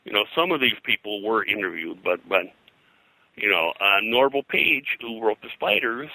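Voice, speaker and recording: An older man, a pulp publisher and pop culture historian, recalls his career as an interview guest in a low, creaky, animated voice. His speech is rambling and halting, doubling back on words. The recording is rough but very dry and close, making his tone sharp and forceful.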